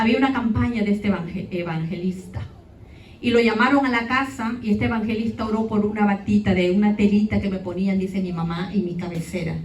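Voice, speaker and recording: Addressing her listeners directly, a woman shares an emotional testimony with her congregation in a church hall. Her voice is medium-pitched and somewhat dark with slight hiss or hum, captured from far off in an echoey space with faint ambience.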